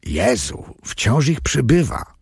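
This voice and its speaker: A man's voice: medium pitch, big pitch swings, takes it slowly, husky, dry recording, studio quality, full character voice. A man voicing a blunt, coarse young man in an audiobook. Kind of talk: audiobook character voice.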